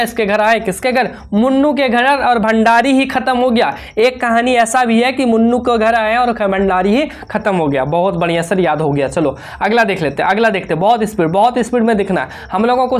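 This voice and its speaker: A woman teaching an exam revision lesson, firing off questions and answers and repeating key points with playful memory tricks. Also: on the high side. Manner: rapid question-and-answer drilling, constantly addressing students.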